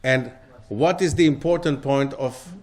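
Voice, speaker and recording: A man's voice: medium pitch, measured pace, a little mellow. Male lecturer, mid-range voice, keeps asking the room questions. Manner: quizzes the audience with frequent questions. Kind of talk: interactive lecture to a live audience. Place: lecture hall.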